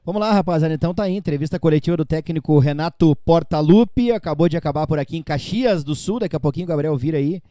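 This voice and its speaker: A man's voice: on the high side, quick pace, hardly any pauses, mellow, no room sound. A man hosting a live fan broadcast after a football match, chatty and opinionated. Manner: chatty, opinionated, tag questions. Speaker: fan channel host.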